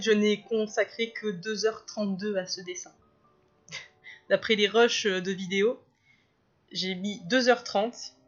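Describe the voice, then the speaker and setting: A woman talks loosely about her drawing process, rambling and stopping often to restart her sentences. Her voice sits in a middle pitch. The recording is a little dull, with faint music underneath. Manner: rambling, hesitant, with many fillers and restarts. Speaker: drawing vlogger. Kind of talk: casual chat over a drawing video.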